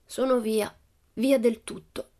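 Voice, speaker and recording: A woman voicing a cheeky, fearless little girl who talks calmly and teases playfully. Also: fairly high pitch, slow, pitched above the performer's own voice. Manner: calm, matter-of-fact, playfully teasing.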